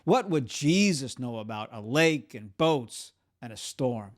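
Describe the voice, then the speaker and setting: A man preaching a sermon, telling the story dramatically and swinging from urgent, raised lines to hushed, quiet ones. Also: mid-range voice, animated, a little slow. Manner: dramatic storytelling, acts out quoted voices.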